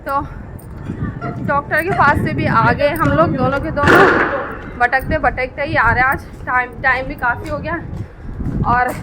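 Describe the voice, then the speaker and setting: Chatty high-voiced woman vlogger. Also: unhurried, long pauses, heavy background noise. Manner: chatty and homely, thinks aloud, tags questions to viewers. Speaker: family vlogger. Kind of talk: casual vlog narration. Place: city streets and home.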